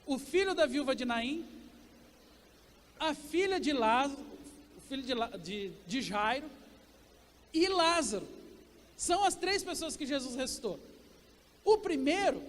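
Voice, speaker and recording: A Brazilian man preaching a sermon as pastor, asking the congregation questions and swinging between loud and quiet. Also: very high-pitched, long reverb tail. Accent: Brazilian Portuguese. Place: church sanctuary.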